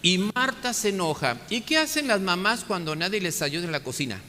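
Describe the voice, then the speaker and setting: A priest giving a lively sermon, acting out the biblical figures as he tells their story. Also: sits high, fairly quick. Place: church. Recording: echoey church hall.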